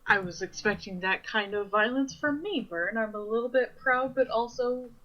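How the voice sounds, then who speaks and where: A woman's voice: a little high, normal speed, fairly bright tone. A woman playing a tabletop game, talking in casual, teasing banter. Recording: slightly dull lo-fi mic.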